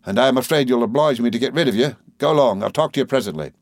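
In an audiobook, a man voices a spiteful, scheming clerk who sneers and threatens with false familiarity, his mood contemptuous. His mid-range voice is brisk and pitched above his own but close to an everyday voice, recorded in studio quality with no echo.

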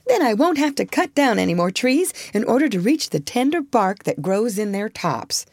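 A woman's voice: normal speed, dry recording, studio quality. A woman voicing an eager, anxious young male beaver in a storybook reading. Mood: excited. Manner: high, excited questioning.

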